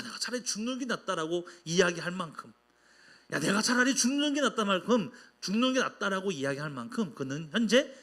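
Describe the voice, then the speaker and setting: A man delivers a sermon with lively, dramatic swings in his voice. He speaks higher than most men and acts out the words he quotes as he preaches. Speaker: pastor.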